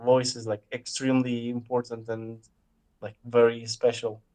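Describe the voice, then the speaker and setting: A man in a casual conversation, explaining ideas in a measured way and often pausing to search for words. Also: mid-range voice, completely flat delivery, a little mellow. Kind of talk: casual chat.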